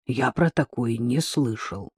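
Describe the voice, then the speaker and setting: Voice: medium pitch, a little slow, husky, dry recording, clean studio sound, pitched below the performer's own voice. A narrator voicing a flustered, well-meaning older father-in-law in an audiobook, who keeps fumbling his words. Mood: taken aback. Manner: flustered, apologetic.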